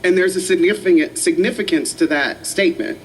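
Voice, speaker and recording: A woman from Michigan, a pastor, telling her story on a panel in a university chapel in a slow, joking manner. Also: on the low side, recorded from a distance, a little hiss or hum, low-quality recording. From Michigan, USA.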